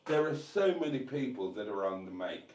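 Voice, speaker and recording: A man's voice: fairly low pitch, sing-song, moderate pace, a little mellow. A man in his fifties hosting a live stream, chatting casually and reading comments in a blunt, candid, sweary way with rambling asides. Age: 50s. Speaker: livestream host.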